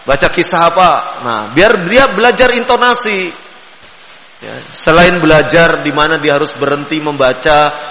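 A man giving a gentle sermon on raising children, repeating key phrases and drawing out his tones. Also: on the high side. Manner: gentle, repetitive teaching with drawn-out tones. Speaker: Islamic preacher. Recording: echoey hall with long reverb.

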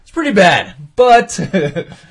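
A man's voice: high-pitched, big pitch swings, slow pace, a crowd in the background. A man hosting a casual comedy podcast, rambling and laughing as he talks. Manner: rambling, laughs often, acts out voices in stories. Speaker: podcast host.

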